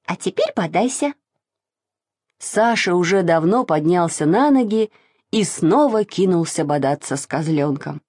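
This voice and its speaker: A woman reading a children's story aloud in an expressive, sing-song way. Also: lowish voice, moderate pace, no room sound, studio quality.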